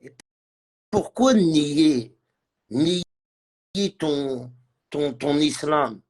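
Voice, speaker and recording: A man's voice: fairly high pitch, animated, drawn-out words, darkish tone. A man on a live stream, ranting in a heated, repetitive way and mixing in words from other languages. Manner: agitated, repetitive, mixes French with Arabic and Kabyle. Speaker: livestreamer.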